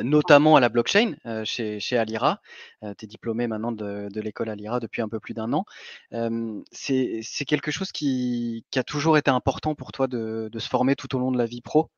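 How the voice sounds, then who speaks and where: A man interviewing a guest, asking his questions haltingly with many fillers. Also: medium pitch, no echo, dull audio. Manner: hesitant, filler-heavy questions.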